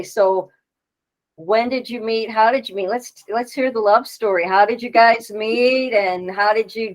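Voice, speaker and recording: A woman's voice: fairly high pitch, low-quality recording. Upbeat woman hosting a chat. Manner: upbeat, enthusiastic interjections. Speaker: radio show host. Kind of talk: casual interview conversation.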